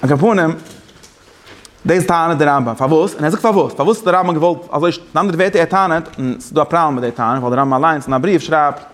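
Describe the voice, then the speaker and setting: A man gives a loose, rambling Torah class, breaking off to correct himself and slipping English and Hebrew terms into his sentences. His voice sits somewhat high for a man. The talk stays informal and circles around its points as he reasons aloud. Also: fast talker, fairly bright tone. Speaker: Torah teacher. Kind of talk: Yiddish-style Torah class.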